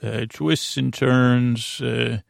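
Speaking very slowly, a sleep-podcast host and creator murmurs a lulling bedtime ramble to the listener in a gravelly, creaky voice with quite flat pitch. He wanders, doubles back, stumbles, repeats and cuts off mid-word, all captured in a close, dry recording.

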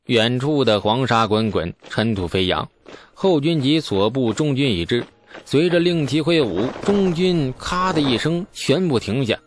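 A man narrating a historical novel as an audiobook in a steady storytelling manner. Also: medium pitch, dry recording. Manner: steady storytelling with asides to listeners.

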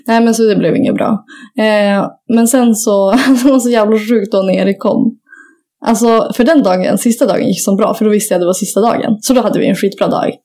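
A woman's voice: medium pitch, warm tone. A young woman in casual chat, telling a rambling story full of fillers and casual swearing. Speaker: podcast co-host.

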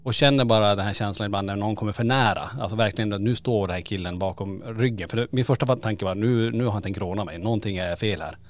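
Man, podcast host, low-pitched, casual storytelling, animated, frequent fillers. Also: few pauses.

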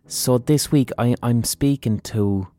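A man's voice: mid-range voice, takes it slowly, dark tone. An Irish man hosting a podcast, talking casually and earnestly with some swearing. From Ireland. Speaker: podcast host. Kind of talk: casual spoken podcast introduction and interview.

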